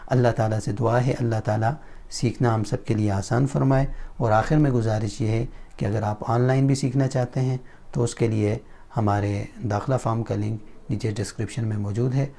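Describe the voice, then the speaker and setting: Mellow-voiced man drilling a language lesson. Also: lowish voice, fairly even intonation, creaky. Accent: Pakistani Urdu. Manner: slow, deliberate drilling of example sentences with translations. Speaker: Arabic teacher.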